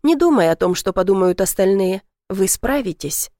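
A woman voicing a cheerful young best friend in a read-aloud story, soothing and gently teasing. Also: medium pitch, lively intonation, normal speed, dry recording, studio quality, close to an everyday voice.

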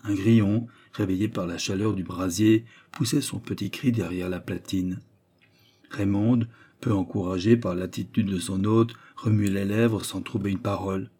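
A man narrating a classic novel as an audiobook, in measured, even storytelling. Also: on the low side, husky. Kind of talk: scripted literary narration.

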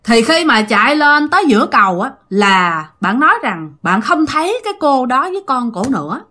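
A woman's voice: sits high, big pitch swings, normal speed, bright, forceful tone. A woman with a Southern Vietnamese accent, animatedly telling a ghost story sent in by a listener and addressing her audience directly.

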